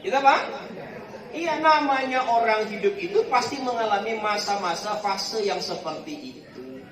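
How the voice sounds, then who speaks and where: Speaking in a high, animated voice at a normal pace, this man from Palembang, Indonesia preaches a funny sermon to a community gathering and keeps seeking the audience's agreement. It's captured from afar in an echoey hall, with the crowd audible.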